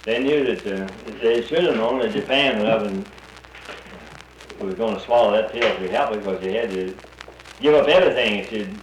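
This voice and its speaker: Low man on an old recording. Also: brisk. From North Carolina. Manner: blunt, restarts his sentences often. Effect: old 1941 archival recording. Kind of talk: casual conversation about the war. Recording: roomy old recording with faint hiss.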